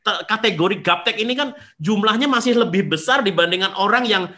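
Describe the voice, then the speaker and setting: An animated man with a bright, forceful voice sits a little above the usual pitch. He tells seminar stories conversationally, acting out the people in them and sinking soft for the emotional parts. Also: fairly quick. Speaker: seminar organizer and speaker. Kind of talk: casual storytelling conversation.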